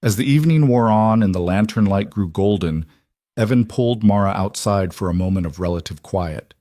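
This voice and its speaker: A man reading a western audiobook in a measured scripted narration. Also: lowish voice, warm tone, no room sound, studio quality.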